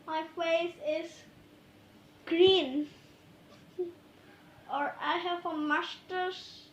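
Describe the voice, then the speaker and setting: Woman vlogger, high, unhurried, giggly and silly; echoey room, faint hum behind. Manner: giggly, silly, talks to her viewers. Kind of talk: playful vlog chatter.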